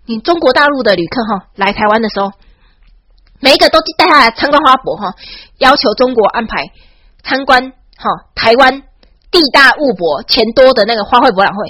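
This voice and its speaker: A woman with a Taiwanese Mandarin accent giving a mock-boastful satirical monologue, dropping a breathy "ha" into nearly every phrase. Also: fairly high pitch, lively intonation, brisk, fairly bright tone, dry recording. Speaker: satirical commentator. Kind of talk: sarcastic comic monologue.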